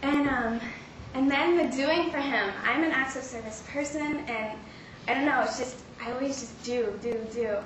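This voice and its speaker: Young woman, faith testimony, earnest and halting, slightly high voice, distant mic in a very echoey room. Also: fairly bright tone. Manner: earnest, halting with frequent fillers. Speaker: speaker sharing a testimony. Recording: roomy, distant mic with clear background noise.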